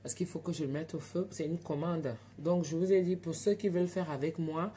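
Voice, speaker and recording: A woman's voice: sits low, steady tone, a little fast, warm tone, a little hiss or hum. A woman with an African French accent, telling stories and chatting straight to her viewers on a casual live stream from home at night.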